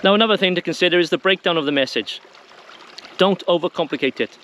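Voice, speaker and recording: A man with a high, slightly bright voice talks quickly, with slight background noise behind him. He's giving viewers casual how-to instructions in a down-to-earth way.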